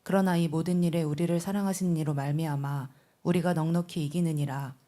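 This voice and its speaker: A woman reading scripture aloud during a church service in a measured, solemn way. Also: low voice, steady tone, mellow.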